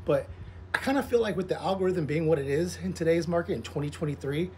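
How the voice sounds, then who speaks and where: A man in his forties, a vlogger and social media content creator, talks fast to camera in a higher-pitched voice. He chats casually and rambles informally while outdoors in a pool. Noisy outdoor ambience is clearly heard.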